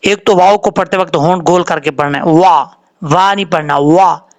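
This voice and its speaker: A man teaching Quran recitation rules, explaining calmly and drawing out the words he demonstrates. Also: high-pitched. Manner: explains slowly, drawing out Arabic words when showing them. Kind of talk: tajweed lesson with slow demonstrations.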